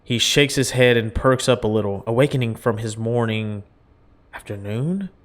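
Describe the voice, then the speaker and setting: With music in the background, a young man hosting a gaming video works through a visual novel, reading it out and throwing in informal, slangy remarks. His voice sits mid-range and moves at a normal speed.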